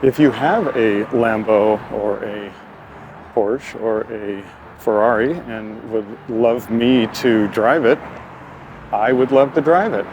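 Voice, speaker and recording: Out on a walk by a road, a man hosting his own casual vlog talks in a rambling, informal, stop-start way. His voice is fairly low and slow-paced against a noisy background.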